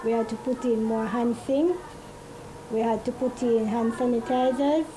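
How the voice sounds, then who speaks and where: A woman's voice: fairly high pitch, steady tone, moderate pace, background noise. A woman preschool administrator answering a news interview in a plain, conversational way.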